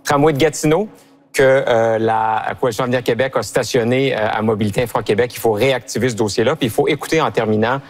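A man's voice: medium pitch, fast talker. A man, a party leader in a televised debate who speaks in punchy lists.

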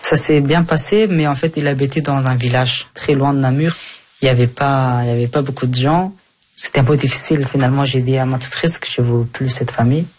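A young man from Afghanistan giving a calm personal account in an interview, speaking carefully and correcting himself as he goes. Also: medium pitch, a little fast. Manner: careful speech with self-corrections and fillers.

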